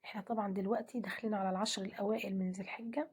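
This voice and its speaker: A woman with an Egyptian accent giving a gentle devotional talk, often dropping to a half-whisper. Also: mid-range voice, fairly even intonation, rapid-fire, breathy edge. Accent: Egyptian Arabic. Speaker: religious speaker.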